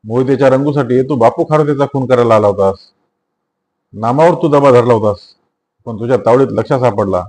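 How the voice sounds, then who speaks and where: A man reading the lines of a stern male police inspector in a storybook narration, loud and scornful. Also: medium pitch, moderate pace, long pauses, natural voice. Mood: mocking.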